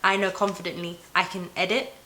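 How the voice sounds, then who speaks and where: A woman's voice: on the low side, little pitch movement, brisk, sharp tone, slight background noise. A young woman hosting a casual advice chat, talking in a chatty, informal and encouraging way. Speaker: talk show host.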